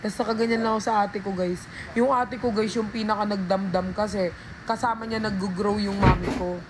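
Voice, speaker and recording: A woman's voice: mid-range voice, steady tone, fairly quick, background noise. A woman telling a rambling story on a casual livestream, talking into a phone and calling her viewers guys and be.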